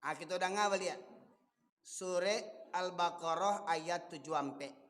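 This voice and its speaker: A man with a Minangkabau accent preaching a fiery sermon, forceful, rising to shouts and firing rhetorical questions. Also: high voice, unhurried. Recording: long reverb from a large hall.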